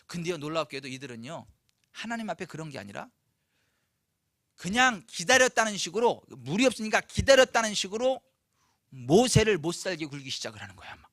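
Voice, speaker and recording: A man's voice: sits high, big pitch swings, brisk, fairly bright tone, no echo, clean studio sound. A male pastor preaching a sermon at a church service, emphatic and full of rhetorical questions. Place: church, Friday night service.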